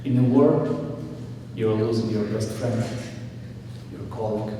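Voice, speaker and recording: A man's voice: on the low side, steady tone, unhurried, background noise. A man speaking at a remembrance ceremony in short, simple sentences with non-native grammar. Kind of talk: speech to an audience. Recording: echoey hall from far off, humming.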